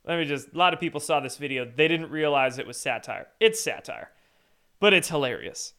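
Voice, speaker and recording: Commentary host, male, wry and animated, resonant voice. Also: fairly high pitch, fairly quick. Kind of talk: casual political commentary.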